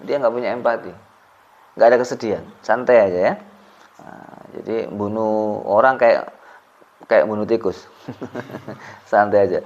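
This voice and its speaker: Guy teaching a religious class, slow arabic bits then jokey explaining, muffled lo-fi recording. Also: medium pitch, a little mellow. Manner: switches between slow Arabic recitation and casual joking explanation. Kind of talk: kitab study lesson.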